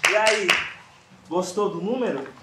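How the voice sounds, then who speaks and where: A man's voice: sits high, unhurried. A young man with a Brazilian accent playing an earnest, defiant street performer in a stage drama. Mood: earnest, challenging. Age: young adult. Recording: very echoey theatre, far mic, noise.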